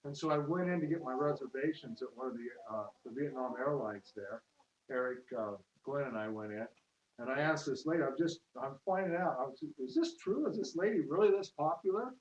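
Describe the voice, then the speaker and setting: A man's voice: mid-range voice, brisk. A man telling stories in a rambling, casual way, quoting people in raised voices as he speaks to a room at an open house. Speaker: network marketer. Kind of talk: casual testimonial talk. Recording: distant roomy lo-fi livestream with hiss.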